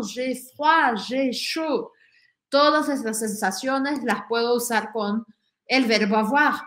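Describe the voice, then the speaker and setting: Slow, echoey woman teaching French. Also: a little high, a bit bright. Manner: drills conjugations slowly, repeating each form. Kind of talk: online language lesson.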